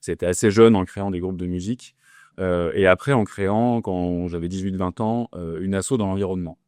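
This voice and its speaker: Low-voiced hesitant man, forty. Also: fairly even intonation, a little fast, darkish tone, clear, resonant tone, no room sound, studio quality. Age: 40s. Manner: hesitant, many fillers and restarts. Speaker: podcast guest, entrepreneur and investor. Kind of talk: casual interview talk.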